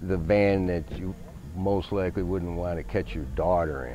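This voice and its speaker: Low easygoing middle-aged man outdoors. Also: steady tone, moderate pace, dark tone, muffled recording, slight background noise. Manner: easygoing, many fillers, technical car talk. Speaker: van owner. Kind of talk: casual interview. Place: outdoor grassy show field.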